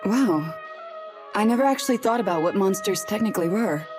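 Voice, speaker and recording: An actress voicing a battle-hungry young princess who speaks in a formal, courteous and unbothered way in an anime dub. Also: female voice, medium pitch, lively intonation, fairly quick, natural voice. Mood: polite. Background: background music.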